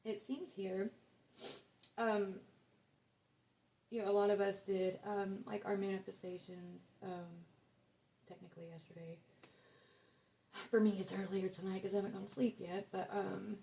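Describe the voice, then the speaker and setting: Gravelly low-toned woman reading tarot. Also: flat delivery, a little slow, long pauses, dark tone. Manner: rambling, many fillers, reads card texts aloud. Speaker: tarot reader. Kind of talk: casual tarot reading with card readouts.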